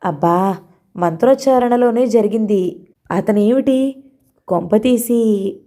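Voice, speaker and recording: A woman's voice: mid-range voice, slow, warm tone. A woman voicing a playful, teasing young man, a student son, in a read-aloud novel. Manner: cheeky, joking.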